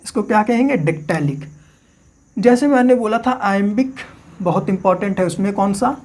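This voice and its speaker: A literature teacher gives a classroom-style lecture in a high, animated voice with a darkish tone. He puts questions to the class and then answers them himself, slowly repeating key terms so students can take them down.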